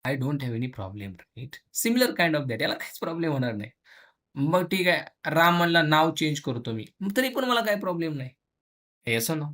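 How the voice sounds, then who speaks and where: Here a male instructor gives an informal coding lesson, peppering his talk with English and quick asides where he acts out the tables and the students. He sounds slightly high-pitched, pushed, and bright.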